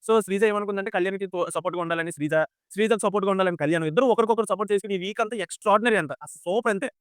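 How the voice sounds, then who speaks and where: Rapid-fire man ranting. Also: high voice, clear, resonant tone, no room sound, studio quality. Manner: rapid, animated, rhetorical questions to viewers. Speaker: YouTube commentator. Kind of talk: casual commentary on a reality show.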